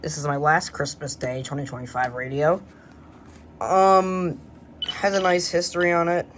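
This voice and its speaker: Flat in delivery and moderate in pace, a medium-pitched voice belongs to a radio collector touring his collection indoors by the shelves. He rambles casually without a script, hesitating and often trailing off, on a noisy home recording.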